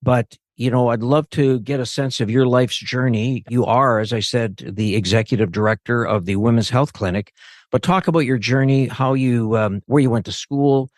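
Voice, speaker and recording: A man hosts a podcast, his voice at a middle pitch. He reads in a measured, formal way before easing into more casual questions. The sound is very dry, with no room around it. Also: darkish tone, no echo. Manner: measured and formal when reading, looser when asking questions. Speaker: podcast host. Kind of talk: scripted introduction and interview questions.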